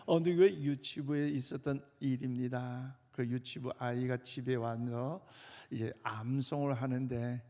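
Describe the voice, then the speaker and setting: Male pastor, earnest emphatic sermon, gravelly, long church-hall reverb. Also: mid-range voice, steady tone, measured pace, warm tone. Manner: earnest, emphatic preaching with frequent address to the congregation. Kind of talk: Sunday sermon. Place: church sanctuary.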